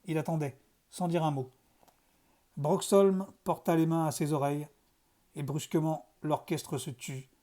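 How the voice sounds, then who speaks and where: A man reads a children's novel aloud in steady first-person storytelling. His voice sits a touch high but sounds mellow and warm, and the delivery stays calm. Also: unhurried. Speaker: narrator. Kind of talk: audiobook narration of a children's novel.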